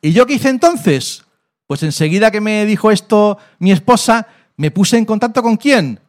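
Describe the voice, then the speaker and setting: A man's voice: high voice, animated, normal speed. A man with a Spain Spanish accent preaching in a church and giving a personal testimony, emphatic, asking questions and answering them himself. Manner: emphatic, asks and answers his own questions. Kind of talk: sermon testimony. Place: church hall.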